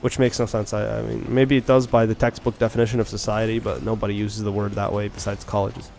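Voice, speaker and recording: Here the young Irish streamer talks fast in a lowish, slightly mellow voice with vocal fry and little pitch movement. He chats casually with viewers, thinking aloud, restarting and posing questions over faint beats.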